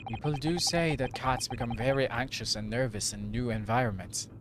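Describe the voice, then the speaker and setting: A man streaming a mystery game, reading the detective's lines in a measured, formal way and chatting in between. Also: mid-range voice, noisy background. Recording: clear game music behind the voice.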